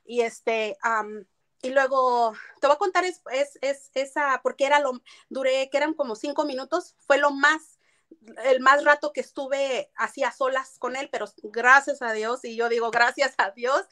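Woman telling her story in an interview, kinda high voice, earnest, drops english phrases here n there. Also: normal speed, bright, forceful tone. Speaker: interviewee recounting her past. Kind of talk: personal testimony in an interview.

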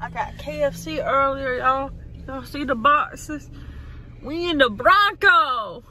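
A woman with a high, bright-pitched voice and a Southern drawl talks casually to her viewers from a car. She chats freely and keeps calling them y'all. A faint vehicle hum runs under her voice. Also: slow. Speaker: vlogger. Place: inside a car.

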